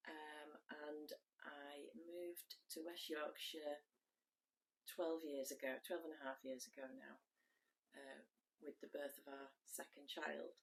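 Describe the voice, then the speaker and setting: A woman from Lancashire, chatting casually to camera in her crafting vlog, gentle and rambling with lots of ums. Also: deep voice, flat delivery, takes it slowly, low-quality recording. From Lancashire, England. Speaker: crafting vlogger. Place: home.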